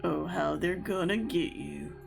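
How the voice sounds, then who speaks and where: A mocking young miner who gloats over the others' fear, as a woman reads him out. The voice is low and gravelly, and the lines are drawn out slowly over music from the game. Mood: taunting. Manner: mocking, gloating, leans in close. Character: menacing young man, taunting mine worker.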